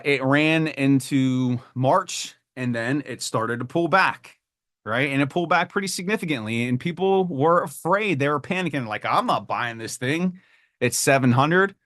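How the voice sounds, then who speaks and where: A man hosting a trading podcast, talking casually and with energy, often jumping into a higher voice to act out panicked or eager traders. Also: dry recording, clean studio sound. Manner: animated, acts out panicky traders in a raised voice. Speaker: podcast host.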